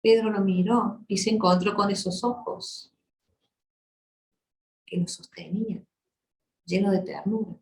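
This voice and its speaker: A woman preaches at a women's meeting. She is impassioned and tender, and her volume swings from soft to loud. Her voice sits at a middle pitch and echoes through a reverberant church hall. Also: steady tone, unhurried, long pauses. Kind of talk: sermon.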